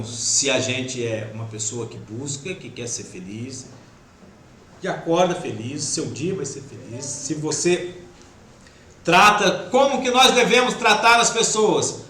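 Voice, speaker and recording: A man with a Brazilian Portuguese accent giving an informal spiritist talk, acting out everyday speech in quick quoted asides. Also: on the high side, very animated, a bit bright. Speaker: spiritist lecturer. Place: spiritist center hall. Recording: echoey room with faint noise.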